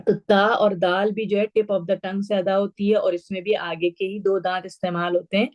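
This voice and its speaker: Woman tajweed teacher, patient and clear, repeats sounds slowly for her class. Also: mid-range voice, little pitch movement, dull audio. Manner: mixes English words into Urdu. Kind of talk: online class instruction.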